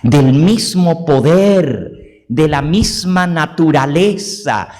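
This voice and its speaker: A man's voice: a little high, expressive, very slow, darkish tone. A male pastor preaching a sermon, explaining point by point with repeated everyday examples. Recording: long reverb of a hall.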